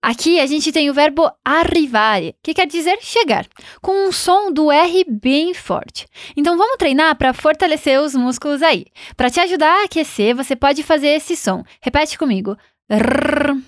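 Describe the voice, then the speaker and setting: A woman with a high voice teaching a recorded language lesson. She encourages the learner and slows down to model each sound for repetition. The recording is close and dry. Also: expressive, no room sound. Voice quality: encouraging, models pronunciation slowly.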